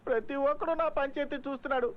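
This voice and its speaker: A chatty comic villager. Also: male voice, extremely high pitch, very fast, heavy background noise. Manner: rambling, joking to himself. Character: chatty comic village man lost in a big city. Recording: dull movie audio with score.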